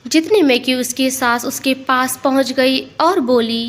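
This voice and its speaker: Reading a scripted tale about a family, a woman with a somewhat higher-than-average voice takes on the role of storyteller. She keeps a measured pace.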